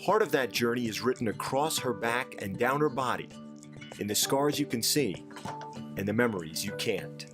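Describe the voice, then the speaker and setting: A man giving scripted documentary narration with a measured, dramatic delivery. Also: mid-range voice, expressive. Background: music.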